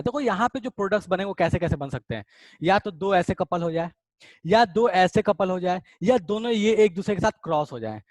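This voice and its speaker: A man's voice: high voice, no echo. A man teaching chemistry in a casual online class, explaining reactions and chatting with students, calling them beta. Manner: chatty, addresses students as beta, reads out their chat comments.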